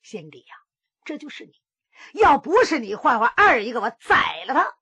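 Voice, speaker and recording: A woman's voice: high voice, sing-song, moderate pace, pushed and bright, slightly rough, dry recording, heavily acted. A woman storyteller voicing a wealthy middle-aged squire who barks and stammers in suppressed rage. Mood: angry. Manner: stammering, barking orders. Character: wealthy middle-aged squire, furious but holding back.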